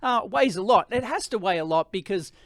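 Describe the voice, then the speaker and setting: An Australian man with a high-pitched voice and rising sentence endings, giving an excitable, casual off-the-cuff gear demo into a close microphone. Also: a little fast, no room sound. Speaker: tech reviewer hosting a gear demo. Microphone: close podcast microphone.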